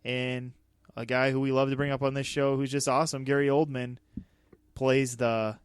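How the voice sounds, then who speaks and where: Man, podcast co-host, casual chat, animated, laughs often, clear smooth voice, dry sound. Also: mid-range voice, normal speed, no echo. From Dakotas, United States.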